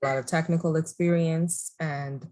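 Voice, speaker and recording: A woman from the Bahamas, answering interview questions in a measured, thoughtful way and laughing easily. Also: sits low, fairly even intonation, dark tone. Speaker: guest entrepreneur. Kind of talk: conversational interview.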